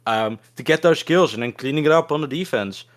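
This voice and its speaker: A woman giving excited play-by-play commentary on an esports match. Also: low voice, fairly quick. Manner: excitable, speeds up on big plays.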